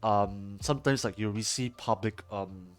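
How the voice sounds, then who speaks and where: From a room at home, a young Singaporean-accented streamer talks to his viewers over a headset mic, responding to chat as he edits. He rambles, full of fillers and restarts, in a lowish voice at a moderate pace.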